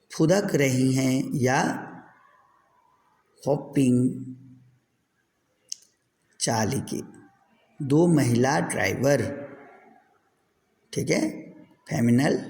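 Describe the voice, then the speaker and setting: A man's voice: medium pitch, creaky, a little mellow. A male Sanskrit teacher, drilling words and answering his own questions in a recorded class lesson. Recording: echoey room with long reverb.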